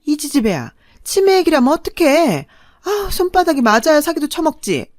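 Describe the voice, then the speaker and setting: A woman voicing a bitter elderly mother who scolds her daughter in shrill, scornful tones, in a radio drama reading. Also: sing-song, moderate pace, a little mellow, no echo, clean studio sound.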